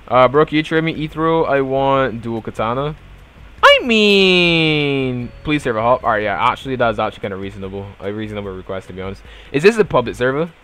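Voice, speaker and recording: A young Barbadian gaming streamer with a Bajan accent banters loosely with his chat in slangy, laid-back talk, trailing off into mumbled fillers. His voice is medium-pitched, expressive, smooth and fairly quick, pushed with brightness.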